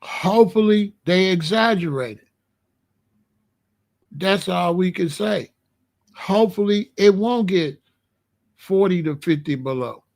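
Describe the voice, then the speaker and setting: Expressive and slow, with vocal fry and frequent pauses, a high-voiced American online host of middle age or older warns his viewers about the weather in a relaxed livestream chat. He repeats phrases emphatically in colloquial speech.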